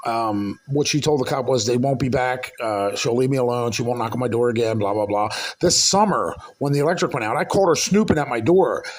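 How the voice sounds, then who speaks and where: A man's voice: mid-range voice, a little fast, hardly any pauses. A man ranting in his apartment, telling a rambling, profane story about a neighbor. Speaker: vlogger recounting a dispute with a neighbor. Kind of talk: casual angry rant to camera.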